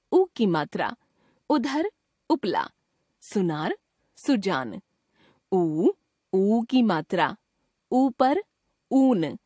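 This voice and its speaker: Woman teacher, slow reading, lively pitch, dry close sound. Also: slightly rough, no echo. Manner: measured, dictating listed examples one by one. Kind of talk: slow, read-aloud grammar lesson.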